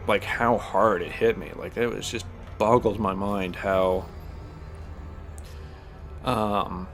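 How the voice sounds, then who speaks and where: Faint music plays behind a man hosting a gaming channel as he slowly chats through a space game. His lowish, slightly stuffed-up voice keeps a fairly even intonation while he rambles, leaning heavily on fillers and restarts.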